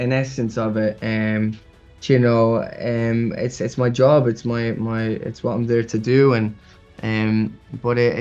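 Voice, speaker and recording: An Irish actor answering interview questions, hesitant and full of restarts. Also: male voice, medium pitch, dull audio. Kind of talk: press interview.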